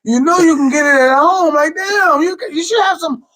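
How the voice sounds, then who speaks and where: Speaking a little fast in a very high, fairly bright voice, a Cleveland, Ohio man co-hosts a podcast in casual chat. He talks loosely and with energy, restarting often and wandering into asides.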